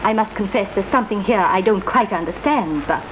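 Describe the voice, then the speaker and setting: A woman's voice: medium pitch, lively intonation, a little fast, close to an everyday voice. A woman playing a condescending middle-aged aristocratic English aunt, formal and clipped, in witty period banter from a 1930s drawing-room comedy. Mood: imperious, formal. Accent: upper-class English. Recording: noisy, hissing 1930s film soundtrack.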